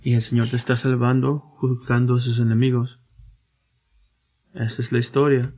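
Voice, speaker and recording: A man's voice: mid-range voice, flat delivery, normal speed, darkish tone. A man preaching a sermon to his church, earnest and emphatic, with frequent restarts and repeated rhetorical questions. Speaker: pastor.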